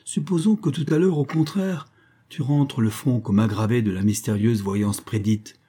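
A man's voice: mid-range voice, steady tone, moderate pace, dark tone, breathy edge, natural voice. A man reading the part of a proud, cunning young poet who pleads and defies with passion. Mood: defiant. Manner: impassioned and defiant pleading. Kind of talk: audiobook reading.

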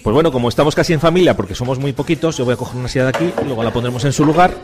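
A man's voice: mid-range voice, racing, big-room sound, music in the background. Man from a radio show, Spanish accent from Spain. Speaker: radio programme host interviewing a teacher and pupils. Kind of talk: casual, encouraging interview.

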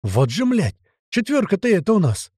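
A brisk, bossy squad leader, voiced by a male narrator, firing off orders and scolding in a raised, hurried voice. The tone is mellow underneath, with a lively rise and fall. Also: high-pitched, husky, no room sound, clean studio sound, pitched above the performer's own voice, full character voice. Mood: urgent commanding.

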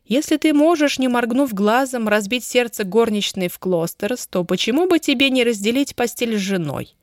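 A woman voicing a playful young wife in a raised, lively, teasing tone. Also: fairly high pitch, moderate pace, no echo, studio quality, pitched above the performer's own voice, lightly acted.

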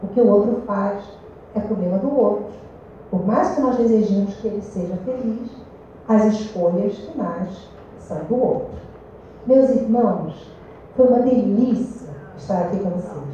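A woman with a Brazilian Portuguese accent giving a lively spiritual talk to a meeting group, questioning her listeners. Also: mid-range voice, moderate pace, slight background noise. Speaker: speaker at a spiritist study meeting. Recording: echoey room, distant dull mic.

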